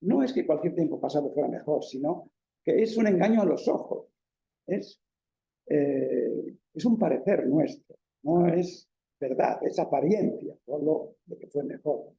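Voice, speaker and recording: A man's voice: a little high, lively intonation, a little slow, creaky, warm tone, highs cut off. A man from Spain with a Peninsular Spanish accent giving an academic lecture as a university professor, explaining step by step with many fillers and tag questions. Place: lecture hall. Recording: echoey lecture room.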